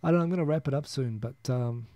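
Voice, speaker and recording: Here a man in his thirties with a New Zealand accent chats through viewer comments on a casual solo stream, rambling, chuckling, and restarting a lot. He speaks at a quick pace in a warm, mid-range voice, and the recording is dry.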